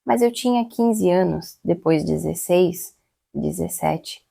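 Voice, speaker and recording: A woman's voice: lowish voice, takes it slowly, gravelly, mellow, no room sound, full character voice. Woman voicing a tearful, remorseful adopted teen girl. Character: distraught adopted teenage girl, tearful and accusing.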